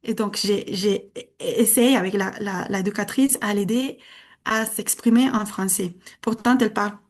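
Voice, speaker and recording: Speaking at a normal speed with medium pitch, this conference speaker, a native Spanish speaker, presents her talk. She explains things earnestly but with some hesitancy.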